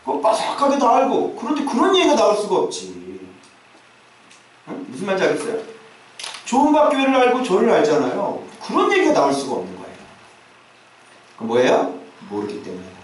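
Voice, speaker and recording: A man's voice: high voice, wildly swooping pitch, brisk, pauses often, a little hiss or hum. A male pastor preaching a sermon, talking to the congregation with constant rhetorical questions and casual asides. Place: church sanctuary. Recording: very echoey church hall, mic far off.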